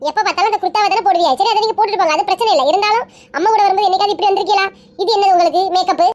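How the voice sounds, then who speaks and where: Woman voicing a shrill nagging daughter. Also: rapid-fire. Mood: lecturing. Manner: nagging, lecturing. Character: scolding grown daughter pleading with her father. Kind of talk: comedy skit acting.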